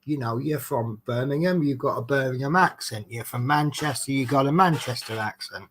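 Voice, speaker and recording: An English vlogger with a Norfolk accent chats casually while doing a craft at home, rambling along with plenty of ums. His voice is mid-range and his pace moderate. A little hiss or hum sits in the recording.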